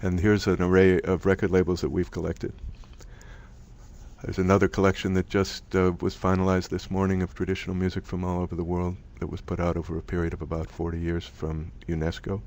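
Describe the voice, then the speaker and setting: Man, middle-aged, low pitch; relaxed lecturer who talks off the cuff with restarts. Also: fairly quick. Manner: conversational, thinks aloud with restarts. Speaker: presenter from a music archive. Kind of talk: online lecture presentation.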